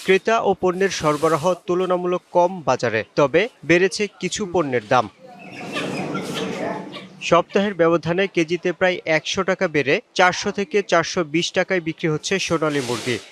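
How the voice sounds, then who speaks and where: A male field reporter delivering a scripted news report in a measured, formal way. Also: on the high side, fairly bright tone, a little hiss or hum.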